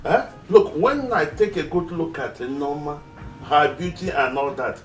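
A man's voice: fairly high pitch, animated, unhurried, soft background music. An actor with a Nigerian accent playing a lovesick young man who pleads and frets in a Nollywood film. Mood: fretful. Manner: pleading and fretful. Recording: echoey room, distant from mic.

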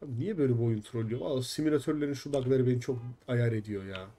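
Young male streamer, mid-range dark voice, casual and easily irritated, cursing at glitches. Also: mid-range voice, very fast. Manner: frustrated, swears often, chats with viewers. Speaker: gaming streamer. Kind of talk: live game stream chat.

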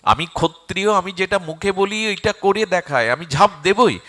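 A man voicing a proud young warrior prince who is quick to anger and boastful, within a devotional tale. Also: a little high, a bit bright. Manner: indignant, boastful.

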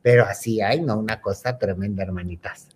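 A man's voice: fairly low pitch, fairly quick, husky. A man telling a gossip story in a campy, theatrical way, calling his listeners "hermanitas". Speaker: host.

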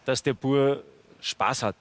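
A man's voice: mid-range voice, slow. A man, chatting casually and jokingly as a ski expert guest in a TV studio, speaking into a headset mic. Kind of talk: casual talk-show chat. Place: TV studio with audience.

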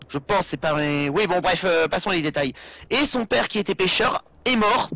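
A young man gives casual, rambling commentary on a game he's playing, joking and swearing throughout. His voice sits high, bright and forceful.

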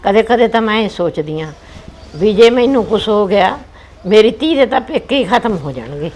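A woman's voice: mid-range voice, expressive, normal speed, a little mellow. An older woman with a Punjabi accent playing a mother in a village family drama, complaining and lamenting.

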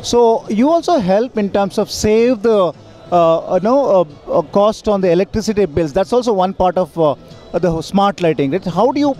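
Man, forties, high mellow voice, halting interviewer, faint music. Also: lively intonation. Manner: halting questions with fillers. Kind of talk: trade show interview. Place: busy expo hall. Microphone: handheld mic.

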